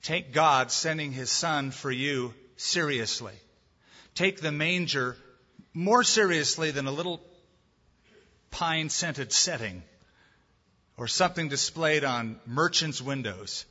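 Husky-voiced male pastor preaching. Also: on the high side, slow, bright, forceful tone, big-room sound, dull audio. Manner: emphatic, with rhetorical questions to the congregation. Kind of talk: sermon and closing prayer.

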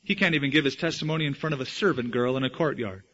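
A man preaching a sermon, dramatically acting out the quoted lines with big swings in loudness. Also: mid-range voice, racing, muffled recording. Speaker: pastor.

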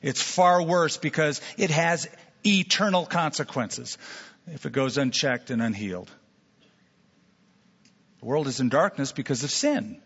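A man's voice: on the high side, a little slow, long pauses, a bit bright, slightly rough, in a large hall, highs cut off. A man preaching a sermon as pastor, telling stories and acting out imagined voices to make his point.

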